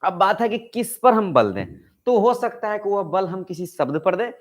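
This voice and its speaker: A man's voice: sits high, big pitch swings, normal speed. A man teaching an online grammar lesson, asking questions and answering them himself. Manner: acts out example sentences with stress.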